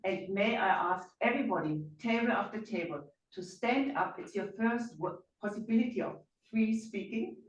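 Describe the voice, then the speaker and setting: A woman chairing a speaking club meeting, chatty and quick to laugh. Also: medium pitch. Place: meeting room. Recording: echoey room from far off, faint noise.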